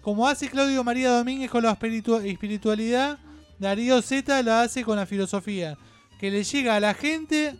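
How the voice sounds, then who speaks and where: An Argentine man with a high, clean-toned voice co-hosts a radio show. His opinionated talk rambles, halting, wandering off topic and repeating itself.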